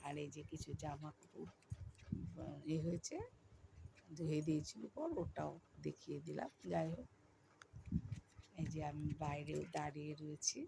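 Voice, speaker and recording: A middle-aged woman with a Bengali accent and a hoarse voice, chatting to her viewers as she talks over her housework. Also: sits low, little pitch movement, normal speed, pauses often, background noise. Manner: chatty, addresses viewers as friends. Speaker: vlogger. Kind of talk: casual voice-over of household chores.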